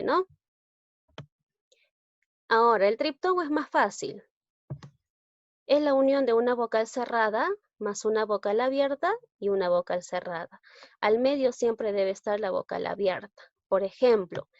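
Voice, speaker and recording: A woman's voice: mid-range voice, a little mellow, dry recording. A woman teacher giving a patient, explanatory grammar lesson, often checking in with the listener. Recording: dull, dry lo-fi recording.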